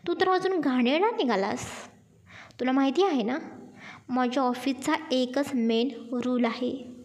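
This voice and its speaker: A woman's voice: a little high, a little mellow, close to an everyday voice. A woman reading a furious, possessive young male boss in a storybook drama, speaking in a stern, commanding way.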